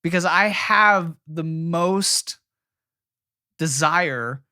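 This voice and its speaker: A man's voice: on the high side, drawn-out words, sharp tone, smooth, no echo, clean studio sound. A young adult man co-hosting a casual podcast chat, talking loosely with many "you know" fillers. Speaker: podcast co-host.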